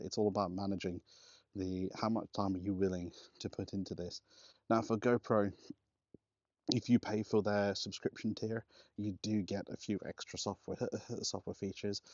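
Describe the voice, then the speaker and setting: A man's voice: low voice, darkish tone, no echo, lo-fi sound. A man vlogging outdoors on a walk, talking casually and rambling with restarts and laughs, recorded on a clip-on wireless mic. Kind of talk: casual walking vlog.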